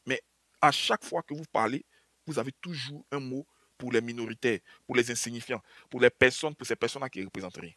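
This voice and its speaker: A man's voice: medium pitch, fast, pushed and bright, no room sound. A man with an Ivorian French accent giving heated political commentary to viewers, mocking, firing rhetorical questions and restarting his sentences. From Côte d'Ivoire. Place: abroad, in a developed country.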